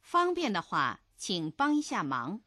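Slow, very lively woman drill reader. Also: medium pitch, dry recording, clean studio sound. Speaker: model reader of phrases.

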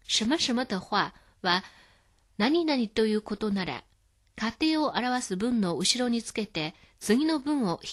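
A woman hosting a scripted radio lesson, explaining words calmly. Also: medium pitch. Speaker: Chinese language teacher.

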